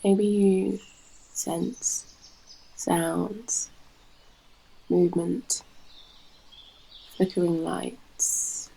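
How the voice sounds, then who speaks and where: A British yoga nidra guide and host leads a meditation in a low, dark, very creaky voice, keeping her tone steady. She speaks softly and soothingly in short phrases separated by long pauses, and the audio quality is poor.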